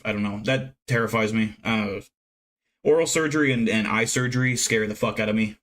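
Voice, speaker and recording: This man in his thirties talks a little fast in a lowish, fairly bright voice as he rambles on a live stream, swearing freely and poking fun at himself.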